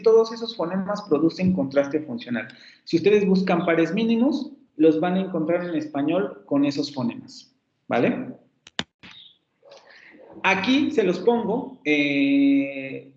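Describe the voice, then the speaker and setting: A phonetics professor with a Mexican Spanish accent lectures in a fairly high voice, moving through the material step by step. He pronounces example words slowly and repeats them. The class recording is lo-fi, echoey and muffled.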